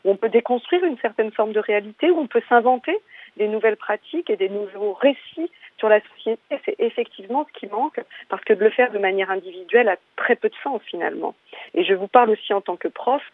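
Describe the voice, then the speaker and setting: A man's voice: high voice, fast, no echo. Man on a tinny phone line. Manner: thoughtful, hesitant with fillers. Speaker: teacher, radio guest. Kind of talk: interview over the phone.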